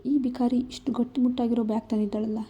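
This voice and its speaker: Brief: woman voicing envious snob, sneering, dark tone. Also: on the high side, level tone, fast, breathy edge. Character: snobbish, envious young woman.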